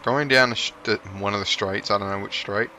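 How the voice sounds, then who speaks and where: Chatty man with a bright, low voice. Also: steady tone, fairly quick, a little hiss or hum. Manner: chatty, cheers on his drivers, jokey asides. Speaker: gaming YouTuber. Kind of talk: casual gameplay commentary.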